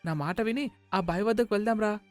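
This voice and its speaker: A man doing a high, eager little village boy. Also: brisk, faint music behind, lightly acted. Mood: coaxing. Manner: coaxing, bossy with his friend. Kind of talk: cartoon story voice acting.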